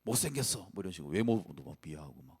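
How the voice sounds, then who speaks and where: A man's voice: lowish voice, big pitch swings, fairly quick, a little mellow. A male pastor preaching an earnest sermon and reading scripture aloud to his congregation.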